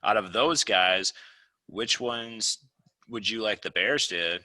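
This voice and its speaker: Man, podcast co-host, very low voice with a sharp edge, measured sports analysis. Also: dry recording, rough recording. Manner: measured, lays out analysis point by point. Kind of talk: casual sports chat.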